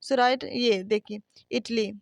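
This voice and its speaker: A woman's voice: fairly high pitch, steady tone, slow, gravelly, dry recording, clean studio sound. A woman teaching English literature for exam prep, who asks rhetorical questions and answers them herself, calling her listeners friends. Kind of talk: exam-prep lesson, reading questions then explaining.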